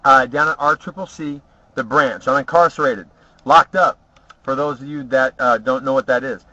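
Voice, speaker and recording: In a casual monologue, a vlogger rambles through boastful stories from his past, swearing freely and padding pauses with "uh" and "you know what?". His mid-range voice is steady and sharp, with no room sound, on dull lo-fi home video audio.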